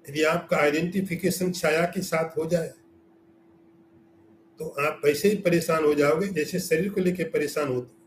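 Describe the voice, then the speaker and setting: A man's voice: a little high, fairly even intonation, normal speed, roomy sound, slight background noise. A man giving a scriptural lecture as a spiritual teacher, explaining with everyday examples and asking rhetorical questions.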